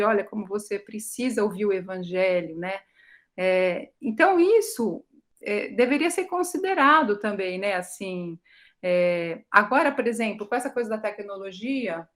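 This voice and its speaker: Chatty, expressive woman. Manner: expressive and chatty, with lively pitch swings. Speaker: study group participant. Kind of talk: discussion in a study group.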